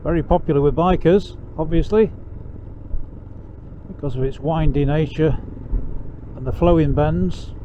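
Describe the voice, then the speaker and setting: A man's voice: on the high side, mellow. Man talking inside a motorcycle helmet. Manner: chatty, unhurried, tour-guide explaining. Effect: muffled inside a motorcycle helmet. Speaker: motorcycle vlogger giving a ride tour. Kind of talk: casual rambling travel commentary while riding. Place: outdoors, riding a motorcycle on country roads. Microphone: microphone inside a helmet. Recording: dull helmet-mic sound with engine and wind noise. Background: motorcycle engine and road noise.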